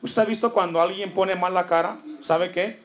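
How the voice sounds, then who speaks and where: A man's voice: high voice, fairly even intonation, moderate pace, fairly bright tone. A man preaching a sermon, asking the congregation rhetorical questions and building his emphasis. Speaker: pastor.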